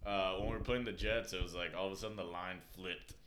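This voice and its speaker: A young American man bantering about sports as a podcast co-host, in a slangy, profane frat-bro way with excitable storytelling. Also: low-pitched, fast talker. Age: young adult.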